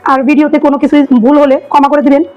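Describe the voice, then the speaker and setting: A woman with a throat hoarse from a cold chats quickly through a food-tasting vlog. Her voice sits high and stays fairly level in pitch as she repeats her enthusiastic praise. The audio is dull and lo-fi, with faint music underneath. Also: level tone. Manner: chatty, enthusiastic, repeats herself. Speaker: food vlogger.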